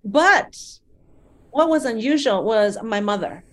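A middle-aged woman from Malaysia, a guest talking about her nonprofit in a relaxed interview, pausing on fillers and laughing lightly as she goes. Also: on the high side. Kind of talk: conversational interview.

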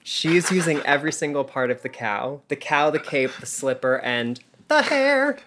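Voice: mid-range voice, sing-song, normal speed, fairly bright tone. A podcast co-host enthusing about a musical performance in casual chat, with lots of "like" fillers. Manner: gushing, filler-heavy fan talk.

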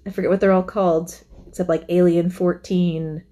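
A woman's voice: fairly low pitch, little pitch movement, moderate pace, warm tone. A woman co-hosting a podcast in casual chat, rambling and playful with many asides. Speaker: podcast co-host.

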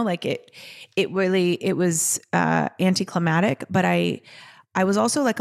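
Gravelly low-voiced woman chatting. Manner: chatty, peppered with "like". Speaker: podcast host. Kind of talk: casual monologue.

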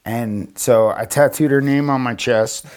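A man's voice: mid-range voice, unhurried, crowd noise. A man from Florida, a pastor, telling his story casually on a podcast and acting out the dialogue. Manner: animated, acts out quoted dialogue in a raised voice.

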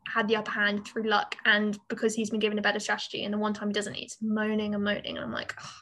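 A woman co-hosting a casual podcast chat, opinionated and quick to laugh. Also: mid-range voice, completely flat delivery, fairly bright tone, slight background noise, poor audio. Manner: chatty, opinionated, laughs often. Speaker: podcast co-host.

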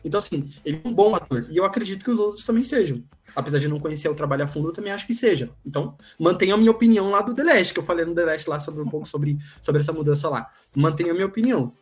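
A Brazilian woman guest on a podcast, calmly explaining her opinion in casual chat. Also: sits low, very fast, few pauses.

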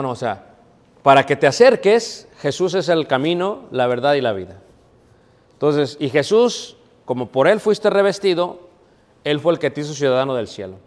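Male preacher, chatty sermon, bit high-pitched, lingering hall reverb. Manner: conversational, asks the audience rhetorical questions. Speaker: preacher teaching a Bible class.

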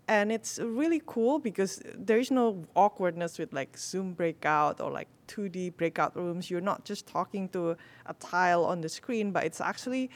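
Enthusiastic woman explaining a product. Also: on the low side. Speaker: product manager guest. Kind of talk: conversational panel discussion.

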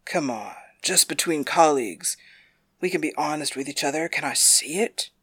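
A woman voicing a boastful, smooth-talking male gunslinger in an audiobook. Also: deep voice, lively intonation, moderate pace, fairly bright tone, exaggerated voice. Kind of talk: audiobook character voice.

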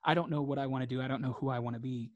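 A man's voice: mid-range voice, steady tone, rapid-fire, darkish tone, no echo, muffled recording. A man, a guest in a reflective interview, talking earnestly and repeating phrases for emphasis.

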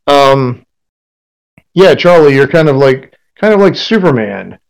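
A man runs a tabletop role-playing game as game master. His mid-pitched voice describes scenes haltingly, assembling them piece by piece as he talks. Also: big pitch swings, vocal fry, low-quality recording.

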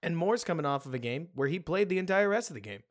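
A man's voice: a little high, lively intonation, fast talker. A man co-hosting a casual sports podcast, musing about the game in a loose, conversational way. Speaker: podcast co-host.

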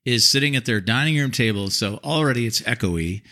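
A man's voice: medium pitch, expressive, a little fast, pushed and bright. A man who works in radio, a podcast guest chatting in a playful way that hams it up, speaking into a studio mic. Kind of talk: casual interview chat.

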